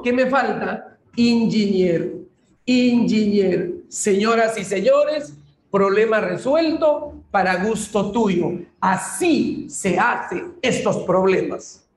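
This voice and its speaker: A man with a Peruvian Spanish accent teaches an online class, slowly working through a logic puzzle in a high voice. He coaxes students along by repeating "mira" and "sigue," and the room echoes.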